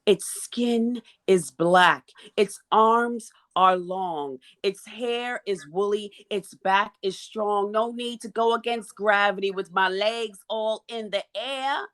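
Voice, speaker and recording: A woman's voice: mid-range voice, slow, hardly any pauses, a bit bright. A woman on a video call, a panelist who performs a spoken-word poem and speaks with a rhythmic, emphatic delivery. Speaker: panelist, menstrual health advocate.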